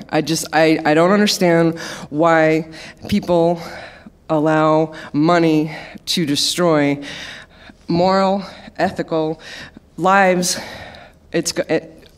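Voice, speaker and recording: A woman speaking up at a public hearing, her testimony nervous and halting. She is emotional and close to tears, restarting her sentences and apologizing as she goes. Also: deep voice.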